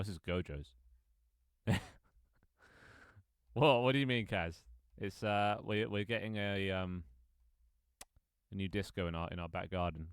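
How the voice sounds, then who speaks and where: Deep-voiced with a fairly bright tone, a twenty-something man live-streams a game he made, rambling to viewers with plenty of ums and restarts. He reads chat out loud, and the studio-quality recording is dry.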